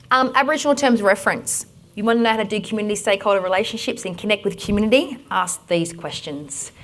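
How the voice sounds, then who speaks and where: At a conference workshop, a woman with an Australian accent and a medium-pitched voice gives the audience direct, energetic instructions.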